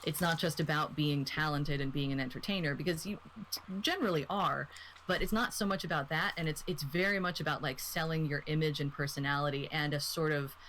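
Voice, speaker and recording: A woman's voice: low voice, fairly even intonation, brisk, a bit bright, slight background noise. A woman in her thirties, a guest on a podcast, talking casually, laughing often and drifting into tangents. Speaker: guest reviewer.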